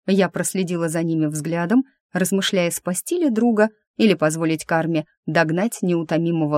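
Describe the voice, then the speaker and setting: A woman reading an audiobook aloud with lively, expressive narration. Her voice sits on the low side, and the recording is dry and close. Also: dry recording.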